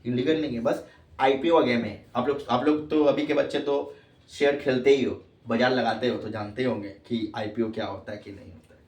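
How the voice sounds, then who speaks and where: A man's voice: medium pitch, fairly even intonation, brisk, darkish tone. Echoey man teaching a class. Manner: repeats questions to students, calls them "babu". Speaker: tax teacher. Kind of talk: classroom lecture. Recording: echoey room, far from mic.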